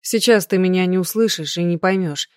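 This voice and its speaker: A tormented young man, voiced by a woman reading an audiobook pleads urgently with his beloved. The voice sits fairly low and the recording is dry and close, with no room sound. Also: brisk, no room sound, lightly acted. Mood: pleading.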